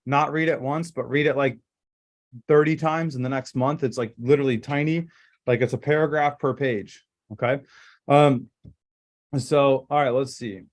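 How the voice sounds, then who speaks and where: A man's voice: medium pitch, steady tone, normal speed. A man leading a casual sales training over a group video call, talking in emphatic, rambling bursts with lots of fillers and restarts.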